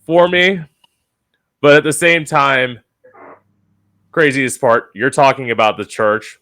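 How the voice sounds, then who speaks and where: Bright-voiced podcast host. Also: male voice, medium pitch, animated, takes it slowly. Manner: curious, asks questions, shares own story. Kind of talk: interview chat.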